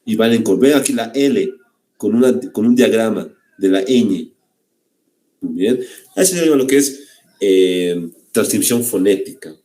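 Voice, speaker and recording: A man's voice: lowish voice, animated, measured pace, mellow. A man teaching a language class to students, lecturing with frequent "very good" check-ins and direct address to the class. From Bolivia. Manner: repeats "muy bien" often, addresses students as "señores".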